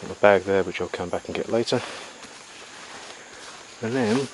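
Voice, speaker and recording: Here a man with a low-pitched voice talks at a normal pace, presenting a casual survival diary to camera from a riverbank in the jungle. He explains things methodically and matter-of-factly, without a script, while faint insect noise and crickets fill the outdoor ambience.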